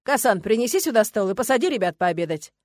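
A woman voicing a loud, blunt tavern keeper. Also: a little high, lively intonation, quick pace, no echo, studio quality, natural voice. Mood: gruff. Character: gruff middle-aged male tavern keeper.

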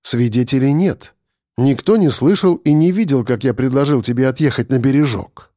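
A man voicing a resolute male detective who speaks slowly and coldly. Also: medium pitch, animated, darkish tone, no room sound, studio quality. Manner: slow, cold, measured.

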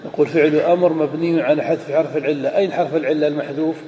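A man with a fairly high but mellow voice gives a grammar lesson. He walks through each rule step by step and answers his own questions. He is recorded in a large, echoey lecture hall with faint room noise behind him. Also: fairly even intonation, rapid-fire, muffled recording. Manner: explains step by step, asks questions and answers them himself. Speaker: grammar teacher.

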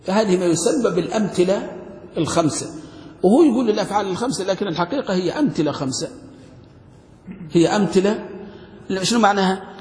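A man's voice: high-pitched, darkish tone. A man, teaching a grammar lesson as a sheikh and constantly quizzing his students. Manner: quizzing students with frequent questions. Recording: echoey hall.

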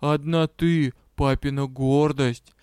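A man's voice: mid-range voice, steady tone, slow pace, darkish tone, smooth, no room sound, clean studio sound, close to an everyday voice. A man voicing a cheeky, shameless male dragon in an audiobook, with a brash, teasing, mock-indignant manner. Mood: cooing.

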